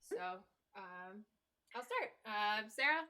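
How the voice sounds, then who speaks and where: A woman's voice: mid-range voice, lively intonation, slow, pushed and bright. A woman player chatting casually and easily. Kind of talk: casual chat.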